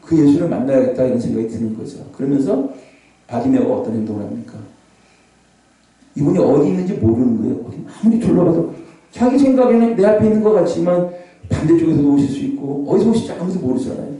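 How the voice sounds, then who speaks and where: A man preaching a revival sermon with a warm, mellow voice that swings through a lively range. He sometimes shouts out scripture cries. The recording catches him from across a big, echoing prayer hall. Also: fairly high pitch, quick pace. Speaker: pastor. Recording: echoey hall, voice from far off.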